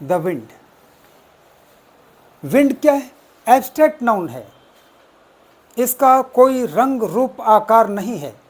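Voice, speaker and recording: An exam coaching teacher explaining test answers, deliberately repeating and spelling out words step by step. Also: mid-range voice, sing-song, slightly rough. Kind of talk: explaining exam answers, mixing English terms.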